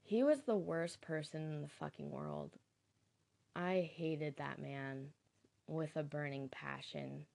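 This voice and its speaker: A young woman tells a candid, casual story in a deep, low voice. She talks slowly and unhurriedly, swearing now and then and laughing at herself. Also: gravelly, a little mellow.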